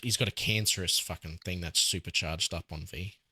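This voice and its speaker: A man's voice: sits low, fairly quick, sharp tone, husky, no room sound. A man co-hosting a casual chat, talkative and hedging, now and then acting out quotes. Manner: chatty, hedging, acts out quotes from scenes. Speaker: podcast co-host.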